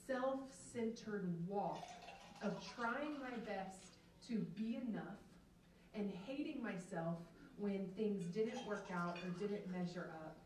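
A woman from Atlanta, in her thirties, shares an earnest faith testimony as the keynote speaker, emphatically telling her story through a handheld microphone in a large banquet room. She takes it slowly, with a medium pitch and darkish tone, over a little hiss or hum. She sounds far off, with the echo of a hall.

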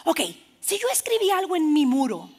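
A woman pastor preaching a sermon in church, animated and playful, acting out little scenes for the congregation. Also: very high voice, moderate pace.

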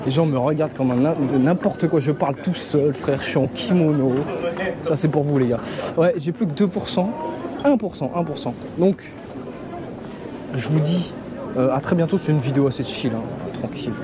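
A man's voice: fairly high pitch, normal speed. Chatty Parisian man vlogging on the street. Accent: Parisian French. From France. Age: young adult. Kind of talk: casual chatty vlog. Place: busy traditional shopping street outdoors. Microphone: handheld camera at arm's length. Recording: street noise behind.

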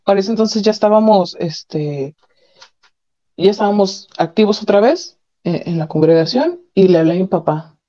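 Over a muffled phone line, a woman with a mid-range, dark-toned voice tells her own story as a caller. She speaks at a moderate pace and expressively, staying frank and matter-of-fact while letting out nervous laughs.

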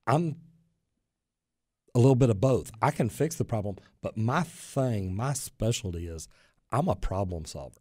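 A man appears as a plumber guest on a radio talk show, telling stories in casual chat and gesturing as he talks like an animated storyteller. His voice is lowish and his pace moderate. It's a studio-quality recording from an indoor radio studio, with no echo, captured on a studio boom mic while he wears headphones.

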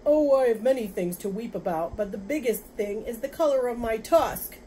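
Woman putting on a loud, grumbling old male rhinoceros. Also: on the high side, animated, moderate pace, pitched above the performer's own voice, close to an everyday voice, poor audio. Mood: self-pitying. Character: angry, vain, weepy old male rhinoceros. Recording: clear background noise.

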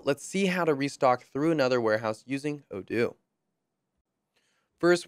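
A young man talks through a software tutorial in a smooth, clean voice, recorded close and dry. His delivery is friendly and upbeat, with a light joke now and then. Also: medium pitch, dry recording. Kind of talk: screen-recorded software walkthrough.

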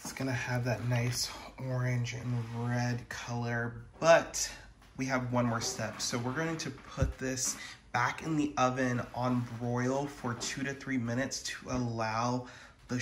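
A playful, chatty young man talks to his phone camera at arm's length and walks through a home recipe. His voice sits at an ordinary pitch for a man. The small kitchen gives him a roomy echo, with a faint hum of ambience behind him. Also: fairly bright tone. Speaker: home cook sharing a recipe. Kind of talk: upbeat cooking video narration. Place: home kitchen and hallway, indoors. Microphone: phone camera held at arm's length.

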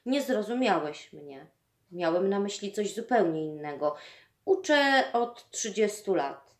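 A woman reading the lines of a calm, patient older male teacher in a measured, reasoning way. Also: mid-range voice, echoey room, lightly acted.

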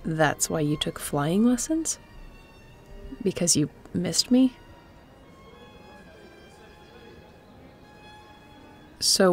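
A woman with a gravelly, fairly low voice plays a guarded, wry spaceship captain and pilot in an intimate sci-fi audio roleplay. Her delivery is dry, teasing and conversational, with a soft, probing mood as the character softens toward an old friend.

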